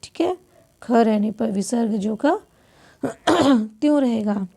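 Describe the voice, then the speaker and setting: A woman with a fairly high, gravelly voice teaches grammar at an unhurried pace. She walks through each rule step by step, asking questions and answering them herself. She clears her throat now and then and corrects small slips as she goes. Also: lively intonation, mellow. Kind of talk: classroom grammar lesson.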